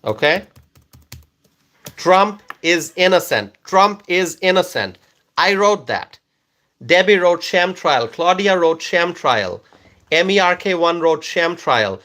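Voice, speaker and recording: A native Bengali speaker from Bangladesh hosts a live stream, reading viewer comments one at a time. His voice is a little high, sing-song and a bit bright, and he speaks slowly, repeating phrases to coax viewers into responding.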